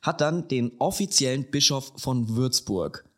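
A man's voice: medium pitch, lively intonation, measured pace, a bit bright. Chatty man telling a creepy story. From Hesse, Germany. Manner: chatty, mixes in English slang. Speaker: podcast host. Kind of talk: casual chat, telling a true crime story.

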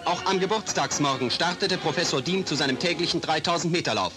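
A man's voice: a little high, expressive, fast. A man announcing in a formal 1950s newsreel narration style, heard as an old newsreel soundtrack. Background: music.

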